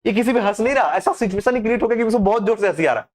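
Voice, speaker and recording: Guy teaching idioms for an exam, kinda high voice, keeps asking the class questions and repeating himself. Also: rapid-fire. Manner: lively, repetitive classroom explaining with rhetorical questions. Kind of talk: exam-prep lesson explaining English idioms.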